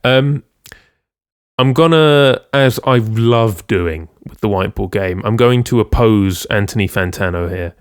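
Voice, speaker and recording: A man's voice: lowish voice, measured pace, clean tone, dry recording, studio quality. A man co-hosting a casual music podcast, rambling with many ums and restarts. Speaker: podcast co-host.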